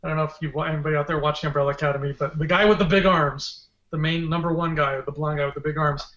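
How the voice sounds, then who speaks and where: A man chats casually as a podcast co-host, playful and joking, drifting into rambling asides. His voice sits a little high. The sound is muffled and rings with room echo. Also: little pitch movement, fast, a bit bright. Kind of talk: casual livestream chat. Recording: dull, echoey room sound.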